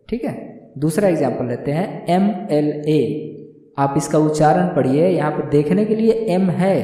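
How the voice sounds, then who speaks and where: Slow, echoey male teacher. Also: fairly high pitch, warm tone. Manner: patient, repeats words and asks "clear?". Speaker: English teacher. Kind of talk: slow classroom explanation. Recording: very echoey room with long reverb.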